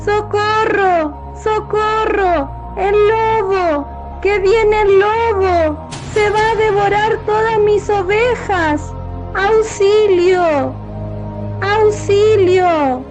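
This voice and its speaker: A woman voicing a mischievous young shepherd boy who shouts and cackles in a high voice. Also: steady tone, slow, hardly any pauses, low-quality recording. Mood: desperate. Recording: voice over loud background music.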